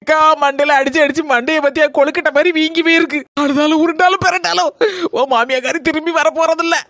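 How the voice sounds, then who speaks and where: A woman's voice: sits high, steady tone, fairly bright tone, no room sound, clean studio sound. A woman voicing a meddling, teasing village neighbor in a cartoon comedy. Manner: teasing, quick-talking.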